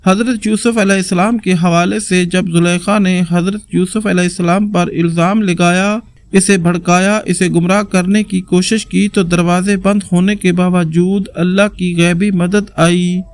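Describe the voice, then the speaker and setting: Earnest high-voiced male storyteller. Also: little pitch movement, no echo. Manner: earnest, preaching tone, addresses viewers directly. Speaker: narrator. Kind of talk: storytelling narration of a moral history tale.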